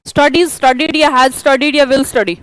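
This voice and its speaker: A woman teaching English grammar in an online class, briskly pushing students to answer quickly. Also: high voice, steady tone, a bit bright, no room sound, low-quality recording.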